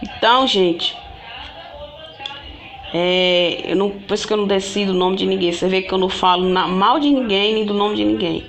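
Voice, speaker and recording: A woman's voice: medium pitch, fairly even intonation, normal speed. A woman telling her own story to viewers in a rambling, repetitive way, often restarting and speaking to them directly. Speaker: vlogger. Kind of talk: casual personal storytelling to viewers.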